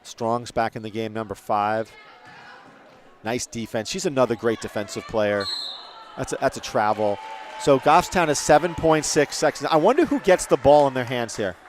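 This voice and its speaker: A man doing play-by-play for a local school basketball game from a press box, chatty and quick to correct himself. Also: medium pitch, lively intonation, noisy background. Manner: chatty, rambling asides, self-corrections. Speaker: play-by-play commentator. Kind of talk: local sports commentary.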